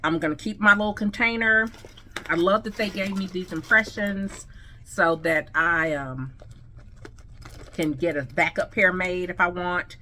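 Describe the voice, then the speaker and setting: A woman's voice: on the low side, measured pace, pushed and bright, a little hiss or hum. A woman vlogging casually about her new teeth, effusive and chatty, with a slight lisp. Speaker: customer sharing her experience. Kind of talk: casual selfie vlog.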